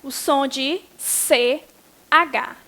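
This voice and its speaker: A Brazilian woman teaching a primary school writing and spelling class, sounding out syllables slowly and encouraging the pupils. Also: sits high, bright, forceful tone. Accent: Brazilian Portuguese. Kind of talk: recorded online class.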